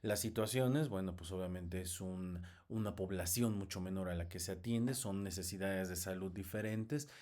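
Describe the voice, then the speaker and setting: Man, slightly low voice, lecture walkthrough, hesitant fillers. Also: normal speed, few pauses, a little mellow. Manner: explanatory, with frequent fillers and restarts. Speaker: research methods instructor.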